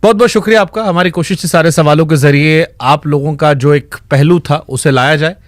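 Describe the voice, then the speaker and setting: A man's voice: fairly high pitch, brisk, no echo, studio quality. A man interviewing a guest, pressing and rephrasing his questions.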